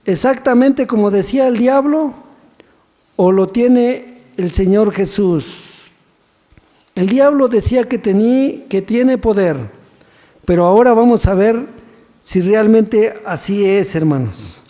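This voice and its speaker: A man's voice: sits high, expressive, slow, mellow. A man, a deacon preaching a sermon who keeps asking rhetorical questions and prompts the congregation to finish verses. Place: church sanctuary. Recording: long church reverb.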